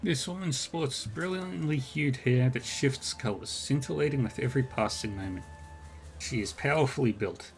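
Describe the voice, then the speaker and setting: A male streamer reads a game's narration aloud in a steady, plain way. His voice sits at a middle pitch. Soft game music plays behind him. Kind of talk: reading a video game aloud.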